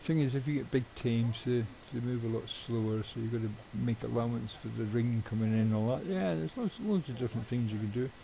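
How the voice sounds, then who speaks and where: Rambling man, mellow voice. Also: medium pitch, fairly quick, vocal fry, hardly any pauses, slight background noise, poor audio. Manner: rambling, swears casually, chuckles at own jokes. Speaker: streamer. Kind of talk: casual live-stream chat while gaming.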